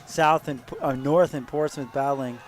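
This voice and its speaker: A man's voice: medium pitch, steady tone, moderate pace. Man, track meet commentator, casual and joking, outdoors, heavy background noise. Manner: casual, joking, reads results and lane lists. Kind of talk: live sports commentary. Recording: loud outdoor ambient noise.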